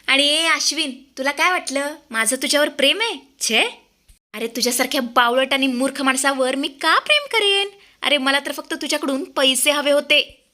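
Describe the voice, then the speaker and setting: Brief: a woman voicing a taunting drunk young schemer, high and bright. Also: moderate pace. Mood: drunken taunting. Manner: taunting, sneering.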